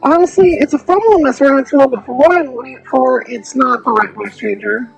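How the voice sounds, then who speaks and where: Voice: high voice, fairly quick, vocal fry, husky, dull audio, soft background music. A VTuber streamer talking through a voice changer filter, chatting casually with viewers while gaming and often trailing off mid-sentence.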